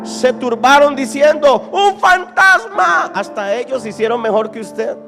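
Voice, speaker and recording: A pastor with a high, ringing voice preaches an animated, dramatic sermon, throwing questions at his congregation. His voice carries a long reverb through the church hall. Keyboard music plays clearly underneath. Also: normal speed. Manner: animated, dramatic preaching, acts out Bible quotes.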